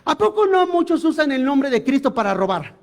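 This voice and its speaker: A man's voice: very high-pitched, sing-song, a little fast. A male pastor, preaching a sermon emphatically and asking the congregation rhetorical questions.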